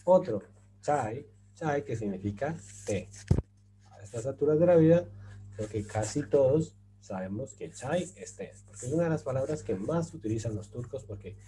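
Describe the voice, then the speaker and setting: A man's voice: mid-range voice, warm tone, slight background noise, rough recording. A man teaching a casual language lesson, explaining patiently with many fillers and checking in with his listeners. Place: in Turkey.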